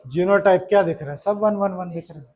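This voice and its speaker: एक पुरुष शिक्षक कक्षा में छात्रों को पढ़ा रहा है, बार-बार सवाल पूछता है और मज़ाक में छेड़ता है।. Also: male voice, high voice, fast, a little mellow, soft background music. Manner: chatty, keeps asking questions, teasing. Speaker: teacher. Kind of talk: classroom lesson to students. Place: classroom.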